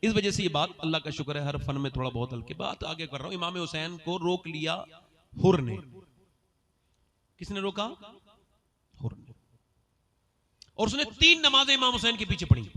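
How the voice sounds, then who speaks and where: A man preaching a fervent sermon to a large gathering, coaxing the crowd into chants and swinging between soft asides and shouted climaxes. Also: on the high side, lively intonation, moderate pace, pauses often. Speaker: religious speaker at a gathering.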